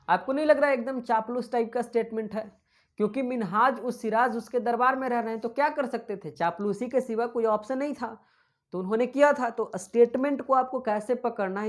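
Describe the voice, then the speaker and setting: A woman's voice: a little high, darkish tone. A woman giving an exam-prep history lecture, dictating notes and asking and answering her own questions in a chatty way with English terms mixed in. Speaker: history teacher.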